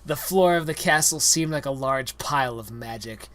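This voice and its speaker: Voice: medium pitch, normal speed, a bit bright. A young adult reading a parody story aloud with exaggerated, comedic dramatic narration. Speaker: reader.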